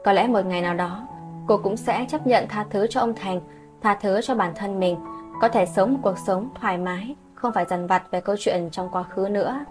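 A woman narrating a scripted late-night story calmly and evenly as the channel's host. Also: mid-range voice, moderate pace, over music.

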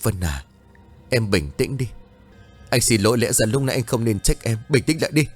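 A man's voice: mid-range voice, normal speed, faint music behind, lightly acted. A man doing a patient soothing young husband. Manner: calming, gentle coaxing.

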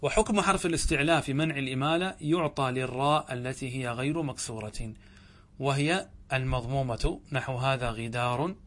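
A man's voice: medium pitch, fairly bright tone. A man, a sheikh, teaching Arabic grammar in a lecture, asking questions and answering them himself, often correcting himself mid-sentence.

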